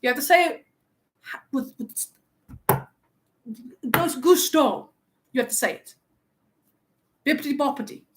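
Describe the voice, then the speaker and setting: A woman's voice: high voice, animated, a little slow, pauses often, noisy background. A woman streamer playing a vain, playful young male wizard, chatting in a teasing, mock-offended way while hosting a live-stream role-play. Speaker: livestream host.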